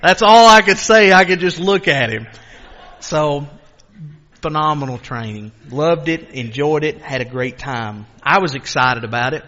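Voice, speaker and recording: A man's voice: medium pitch, measured pace, sharp tone, dull audio. A man preaching a sermon in church, telling a story and leading an earnest prayer. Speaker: pastor.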